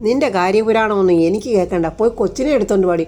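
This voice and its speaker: A woman's voice: medium pitch, warm tone, lightly acted. A woman voicing a scheming man who bullies and threatens in harsh, bossy lines. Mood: threatening. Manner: harsh, bossy, rapid reading.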